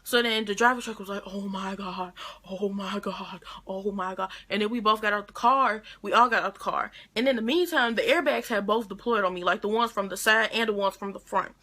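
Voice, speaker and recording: A teenage girl tells a story straight to her camera, rambling and chatty, circling back and restarting as she goes. Her voice is bright and forward, sitting at an ordinary middle pitch for a young woman. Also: fast talker, few pauses. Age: teens. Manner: rambling, chatty retelling with many likes and restarts. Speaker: vlogger.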